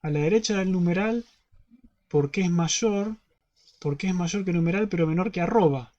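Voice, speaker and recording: Rioplatense male teaching assistant, high voice, methodical step-by-step explainer who keeps checking in. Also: moderate pace, darkish tone, lo-fi sound. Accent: Rioplatense Spanish. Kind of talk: online class explanation.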